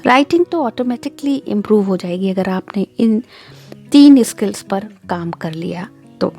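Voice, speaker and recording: A woman giving a spoken lesson, explaining and slowly demonstrating English pronunciation. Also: mid-range voice, lively intonation, warm tone, faint music behind. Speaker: English teacher.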